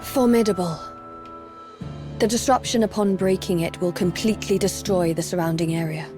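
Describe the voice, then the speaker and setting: A woman playing a stoic, duty-bound valkyrie goddess in a video game, speaking formally and with measured detachment. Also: fairly low pitch, over music, lightly acted. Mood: firm, commanding. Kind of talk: video game cutscene acting.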